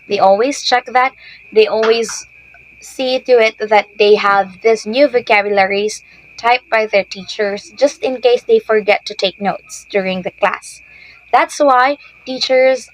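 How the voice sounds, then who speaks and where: A woman's voice: on the high side, a bit bright, rough recording. A woman teacher giving patient, explanatory tips to other teachers, often checking in with "okay?". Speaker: ESL teacher. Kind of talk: instructional talk to teachers.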